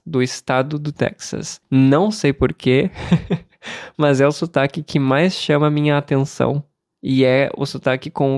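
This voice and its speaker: Calm Brazilian man teaching Portuguese. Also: mid-range voice, dry recording, studio quality. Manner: calm, explanatory, asks and answers his own questions. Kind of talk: podcast lesson for learners.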